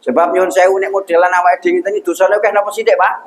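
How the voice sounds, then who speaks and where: High-voiced jokey preacher with a Javanese accent. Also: male voice, level tone, very fast, low-quality recording. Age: young adult. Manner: jokey, asks the congregation questions and answers them. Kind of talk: humorous village sermon. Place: mosque.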